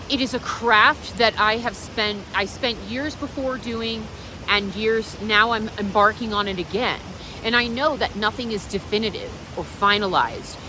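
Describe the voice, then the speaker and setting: A woman vlogger talking reflectively and off the cuff outdoors, encouraging the viewer directly. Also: fairly high pitch. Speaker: vlogger and meditation practitioner. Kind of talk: unscripted reflective vlog talk. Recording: clear steady background noise.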